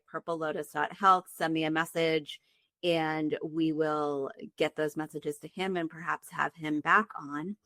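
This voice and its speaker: A woman hosting a wellness podcast interview, appreciative and smoothly guiding the talk. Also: sits low, sharp tone, dry recording. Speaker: podcast host.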